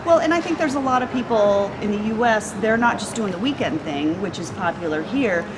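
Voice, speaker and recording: A woman's voice: medium pitch, expressive, a little fast. A North American woman co-hosting an RV vlog in a casual, conversational way. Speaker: co-host of an RV vlog. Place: at a busy RV trade show. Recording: loud vehicle and show-floor background noise.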